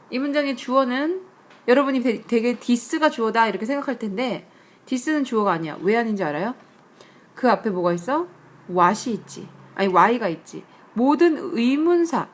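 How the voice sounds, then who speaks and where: Over a tablet screencast, recorded on the tablet's mic, a woman teaches English grammar in a voice that sits a little high. She explains patiently, checks in with rhetorical questions, and reads each English example slowly and carefully.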